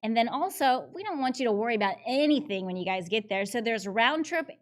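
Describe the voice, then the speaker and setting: A woman's voice: on the high side, lively intonation, a little fast. A woman co-hosting a charity event, describing auction prizes in an upbeat, chatty way. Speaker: event co-host. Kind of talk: presenting auction items.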